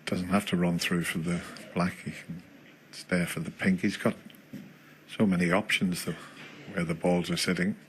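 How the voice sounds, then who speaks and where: Deep-voiced man in hushed snooker commentary. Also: normal speed, rough recording. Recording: steady background noise.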